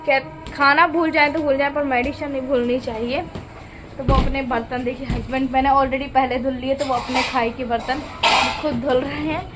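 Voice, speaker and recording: A woman's voice: high-pitched, steady tone, normal speed. A young woman chatting casually on a home vlog, confiding and repeating herself, now and then cooing sing-song at a baby. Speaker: vlogger. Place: at home indoors. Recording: noisy home phone recording.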